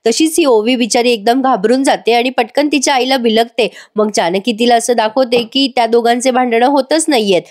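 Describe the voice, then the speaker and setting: A woman's voice: on the high side, brisk, few pauses. A woman narrating a voice-over recap of a TV serial, speaking directly to viewers in a dramatic retelling.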